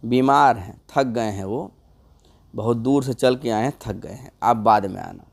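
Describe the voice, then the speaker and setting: A man voicing a village wife who speaks softly while covering for her husband. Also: medium pitch, moderate pace, gravelly. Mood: worried.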